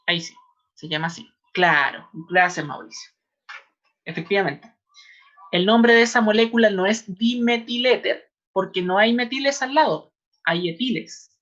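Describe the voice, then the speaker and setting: A woman with a Chilean accent teaches an online chemistry class. She talks patiently and spells terms out slowly for her students. The audio is a little dull and lo-fi. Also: medium pitch, a bit bright. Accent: Chilean Spanish. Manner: patient, repeats names slowly, addresses students.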